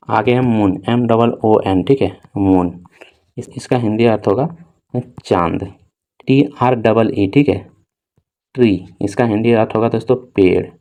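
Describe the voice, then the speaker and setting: A man's voice: lowish voice, mellow. A young man teaching English reading, spelling words out letter by letter and repeating "theek hai" and "dosto" over and over. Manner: slow, drawn-out spelling of letters.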